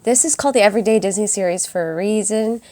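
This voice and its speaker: Raspy, hoarse young woman with a cold. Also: medium pitch, fast, a little mellow, no room sound. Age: young adult. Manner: chatty and upbeat, addresses viewers as guys. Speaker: beauty vlogger. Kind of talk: makeup tutorial voice-over. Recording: voice-over with faint music behind.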